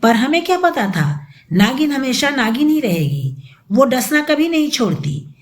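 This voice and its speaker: A woman doing a shrill, furious young mother. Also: very animated, unhurried. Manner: shrill, hateful shouting. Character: bitter young mother, furious accuser of stepmother.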